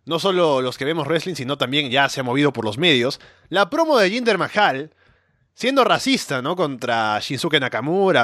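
A man co-hosting a wrestling podcast who introduces the next topic and gives measured opinions in casual chat. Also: mid-range voice, pushed and bright, no echo, studio quality.

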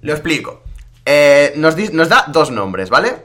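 A man hosting a casual podcast, talking quickly and energetically as he reads out listener questions. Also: a little high, sing-song, sharp tone. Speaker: podcast host. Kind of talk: casual wrestling podcast chat.

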